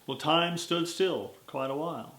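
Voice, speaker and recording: An American man telling a story in verse as a dramatic, deliberate and strongly emphatic recitation. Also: a little high, fairly bright tone, roomy sound. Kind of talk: dramatic recitation of a cowboy poem.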